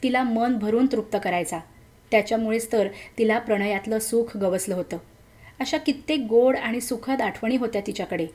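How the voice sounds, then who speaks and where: A woman reading a story aloud as its narrator, in a gentle, emotive way. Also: medium pitch.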